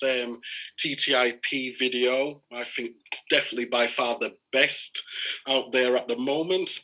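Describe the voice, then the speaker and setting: A man's voice: mid-range voice, bright, forceful tone, poor audio. A man hosting a live-streamed party meeting, polite and welcoming, with some fillers. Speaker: host of an online party meeting.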